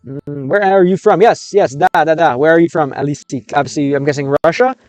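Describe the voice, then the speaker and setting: A streamer learning Russian chats casually with his livestream viewers, translating game text and often restarting his sentences. His voice is a little high and darkish in tone, and he talks briskly over soft background music.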